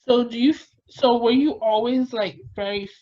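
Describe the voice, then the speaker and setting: A woman's voice: a little high, normal speed. A woman chatting casually in a loose, rambling way, as if interviewing a friend. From Caribbean, lived in Jamaica. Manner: rambling, peppered with "like". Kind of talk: casual chat. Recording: dull lo-fi sound, noisy background.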